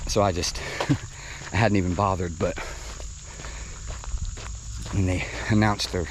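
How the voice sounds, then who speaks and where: A man's voice: sits low, steady tone, unhurried, low-quality recording. A man talking casually and out of breath while running outdoors in a park, recorded on an action camera. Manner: chatty, casual, with fillers. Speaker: vlogger. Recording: outdoor camera audio with insect noise.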